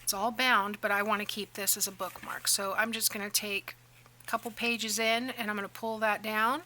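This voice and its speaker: A woman's voice: medium pitch, flat delivery, normal speed, bright, forceful tone, a little hiss or hum, low-quality recording. A woman talks casually through a crafting tutorial and tells rambling stories in a chatty way. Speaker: crafting vlogger.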